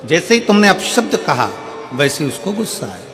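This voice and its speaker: A man's voice: on the high side, big pitch swings, brisk. Man preaching a devotional sermon in a big hall. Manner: repetitive rhetorical preaching, asks crowd to answer. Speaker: katha preacher. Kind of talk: devotional sermon with bhajan singing. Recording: long hall reverb with loud music.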